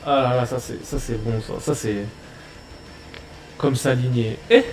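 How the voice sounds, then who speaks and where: A man hosting a reaction video, chatting casually in excitable, slangy banter and repeating his own phrases. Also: mid-range voice, measured pace, slight background noise.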